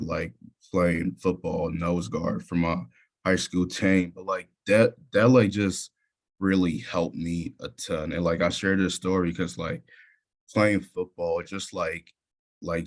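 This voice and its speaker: A young man with a very deep, low voice tells a personal story to an audience. He talks casually and loosely, and his sentences are full of fillers and restarts. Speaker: youth leader presenter.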